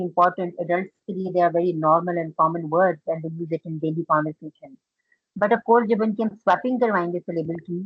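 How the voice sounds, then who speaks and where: A woman's voice: mid-range voice, breathy edge, dry recording. Woman teaching on a muffled call. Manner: instructive, mixes Hindi and English, praises participants. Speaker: teacher training instructor. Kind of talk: online training lecture. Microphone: video call. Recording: muffled video call audio.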